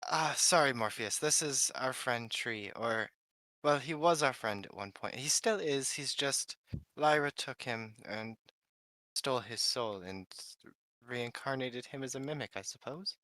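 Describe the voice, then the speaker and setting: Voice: medium pitch, unhurried, bright, forceful tone, no echo. A player speaking in character in a tabletop game, earnest and fussing. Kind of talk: in-character tabletop role-play.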